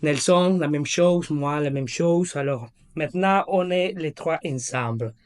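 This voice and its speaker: A man with a slightly high voice speaks French with a foreign accent, as a non-native speaker. He hosts a casual podcast, searching for words in a halting way and slipping in English terms. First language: not French. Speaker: podcast host.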